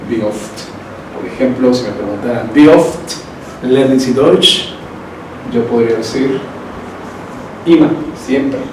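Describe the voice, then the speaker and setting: A man teaching a German lesson, pausing to repeat each phrase slowly and clearly before translating it. His voice sounds distant from the mic and rings off the walls of a very echoey room. A steady background noise sits under the speech. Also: mid-range voice. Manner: slow, deliberate repetition of German phrases; conversational filler-laden explaining. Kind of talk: language lesson explaining vocabulary.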